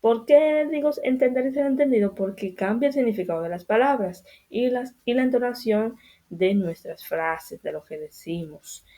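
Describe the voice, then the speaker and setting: A woman teaching a grammar lesson to children, speaking slowly and deliberately and repeating key points for emphasis. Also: fairly high pitch, lively intonation, warm tone.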